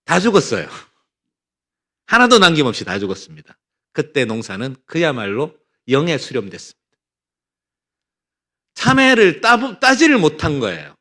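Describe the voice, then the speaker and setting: A man's voice: on the high side, moderate pace, long pauses. A middle-aged male pastor from North Gyeongsang giving a Bible study sermon, telling stories and asking the congregation rhetorical questions. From North Gyeongsang, Korea. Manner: animated storytelling with rhetorical questions.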